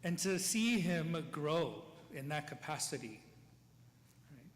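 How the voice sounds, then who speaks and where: A priest giving a eulogy at a funeral mass, talking in a conversational way, checking in with the listeners and chuckling between stories. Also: male voice, fairly high pitch, very animated, slow pace. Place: church. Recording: long church reverb, faint ambient noise.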